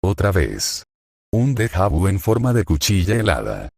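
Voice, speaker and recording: A man reads a dark fan story aloud with dry, sardonic narration. His voice is very low and the sound is close and dry, with no room around it. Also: very animated, measured pace, vocal fry, dry recording. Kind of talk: scripted narration of fan fiction.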